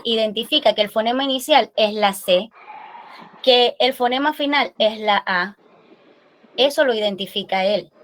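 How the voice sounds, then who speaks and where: A woman speech therapist lectures from slides, walking through each point step by step. She keeps checking in with her audience, and her voice sits at an ordinary middle pitch. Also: poor audio. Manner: explanatory, frequent rhetorical "¿verdad?" checks.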